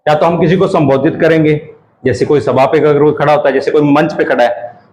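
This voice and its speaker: A man's voice: on the high side, fairly even intonation, fairly quick, a little mellow, roomy sound, lo-fi sound, a little hiss or hum. A male teacher explains grammar to exam students in a chatty way. He repeats key phrases and asks the class questions.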